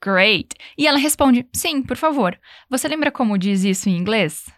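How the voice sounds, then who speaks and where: A young Brazilian woman with a Brazilian Portuguese accent gives an English language lesson, repeating each phrase slowly and patiently so the learner can keep up. Her slightly high voice is expressive and a bit bright, recorded dry and close without room echo.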